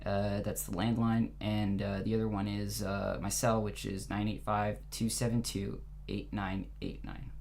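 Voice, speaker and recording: A man in his twenties speaking hesitantly as a caller, with frequent ums and pauses. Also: on the low side, flat delivery, gravelly, a little mellow. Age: 20s. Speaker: caller booking an appointment. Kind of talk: hesitant phone conversation. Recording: noisy hum on phone call.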